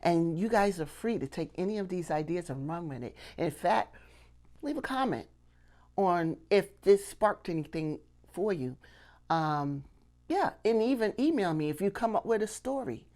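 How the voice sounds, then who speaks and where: A middle-aged woman, a puppetry instructor and channel host, gives a casual lesson to camera, conversational and often checking in with little questions. Her lowish voice is animated and darkish in tone, at normal speed, recorded on a clip-on lapel mic.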